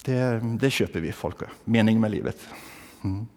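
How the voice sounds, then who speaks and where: A man's voice: fairly low pitch, a little mellow, long reverb tail. A man from southern Värmland preaching a humorous sermon, telling stories with a wry touch and asking the congregation questions. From southern Värmland, Sweden. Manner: wry storytelling, asks the congregation. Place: church.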